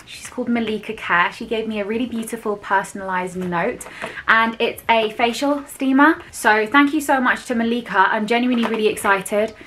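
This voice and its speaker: A woman's voice: on the high side, normal speed, a bit bright, a little hiss or hum. A young woman in her twenties, chatting enthusiastically to camera while unboxing beauty products, with frequent fillers. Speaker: beauty vlogger. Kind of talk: casual haul chat to camera.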